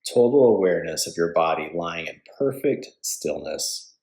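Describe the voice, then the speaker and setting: A man's low voice guides a yoga nidra session, each phrase calm and deliberate with pauses in between, heard through poor-quality audio.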